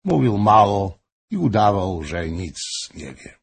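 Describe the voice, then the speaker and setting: Slow, husky male narrator. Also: lowish voice. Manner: measured, even storytelling. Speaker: audiobook narrator. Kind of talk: scripted narration of a historical novel.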